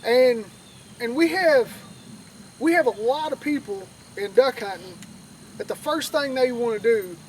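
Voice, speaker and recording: Male instructor, noticeably high voice, conversational teaching style, distant outdoor recording with faint noise. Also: unhurried. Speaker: duck calling instructor.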